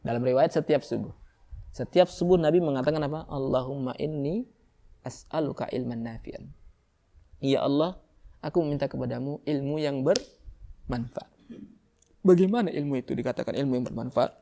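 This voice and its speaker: A middle-aged male preacher with a gravelly edge to his voice. He preaches with a lively, animated delivery to the congregation. Now and then he breaks into high, excited voices to act out the people he describes. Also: fairly quick, long pauses. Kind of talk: sermon.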